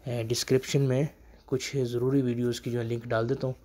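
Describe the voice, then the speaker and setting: A man who teaches Arabic phrases in a casual spoken lesson, slowing down to repeat each phrase for learners. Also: mid-range voice, little pitch movement, dark tone.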